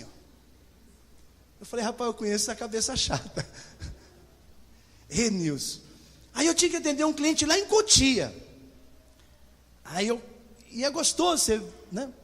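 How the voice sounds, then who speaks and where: Animated pastor preaching in echoey church. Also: male voice, high voice. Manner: animated preaching, addresses congregation directly. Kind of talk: sermon. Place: church hall. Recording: long church reverb.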